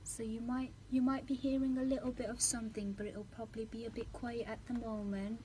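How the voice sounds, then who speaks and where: A woman audiologist talks a patient through an implant fitting in a calm, reassuring way. Her voice sits a little high, with a faint hiss in the background. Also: brisk. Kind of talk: explaining a hearing implant fitting.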